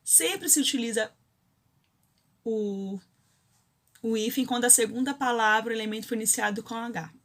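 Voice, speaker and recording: Woman, Brazilian accent, teacher, fairly high voice, patient step-by-step explanations, checks in with listeners. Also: moderate pace, long pauses, a bit bright. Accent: Brazilian Portuguese. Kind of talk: online grammar lesson.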